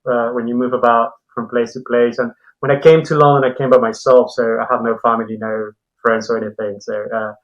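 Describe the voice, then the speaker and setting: A man's voice: medium pitch, level tone, a little fast, hardly any pauses, highs cut off. A man from Colombia speaking through a mask as a podcast guest, chatting casually and telling anecdotes with small hedges. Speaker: podcast guest, tattoo and comic artist. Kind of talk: casual interview chat.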